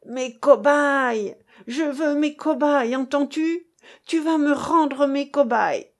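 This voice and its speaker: A stout older village woman screeches insults and then chokes out her words in broken sobs, as a woman reading a story puts her on. Her voice sits high and swoops wildly. She drags her outbursts out slowly. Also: animated, fairly bright tone, heavily acted. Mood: shrieking fury. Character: stout older woman, furious and tearful breeder.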